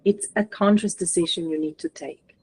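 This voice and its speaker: A woman channeler guiding a participant through a session, talking gently and coaching, often filling in with "like". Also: lowish voice, normal speed, husky, poor audio.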